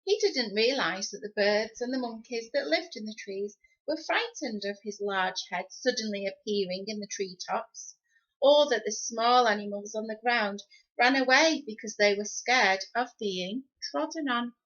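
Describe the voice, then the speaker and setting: Woman reader for a kids' picture book; gentle asides to little listeners, somewhat high voice, muffled recording. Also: lively intonation. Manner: pauses to point out the pictures to young listeners. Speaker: storybook reader. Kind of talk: children's picture-book read-aloud.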